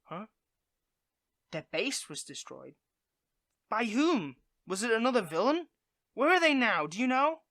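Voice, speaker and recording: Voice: mid-range voice, lively intonation, normal speed, bright, forceful tone, no room sound, clean studio sound. A performer acting a dorky, affectionate villain in a one-sided audio role-play, stammering and sheepish, eager to impress a partner. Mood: anxious, tender.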